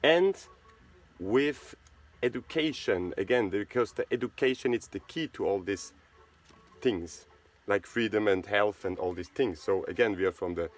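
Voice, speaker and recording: A low-voiced Swiss man who hosts a charity video channel delivers a casual spoken monologue. He talks haltingly, searching for words, with many fillers and restarts.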